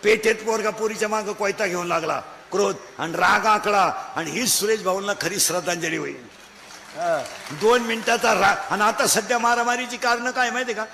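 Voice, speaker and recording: A man with a Marathi accent preaching a comic kirtan sermon, scolding the crowd, asking rhetorical questions and breaking into shouts. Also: sits high, moderate pace, creaky, a little hiss or hum. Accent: Maharashtrian Marathi. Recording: hall echo, faint ambience.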